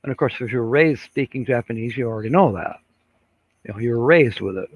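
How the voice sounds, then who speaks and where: With a husky, mid-range voice, the older host speaks briskly and expressively. He rambles and chuckles through a casual live stream, reading viewer comments with many fillers. No room sound comes through, but the recording is dull and lo-fi.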